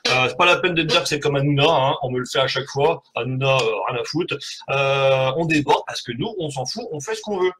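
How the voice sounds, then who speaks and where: A man's voice: medium pitch, brisk, fairly bright tone, low-quality recording. A man hosting a live web show, chatting casually and rambling, swearing freely and joking at his own expense. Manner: rambling, swears often, self-mocking. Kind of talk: casual live-stream chat.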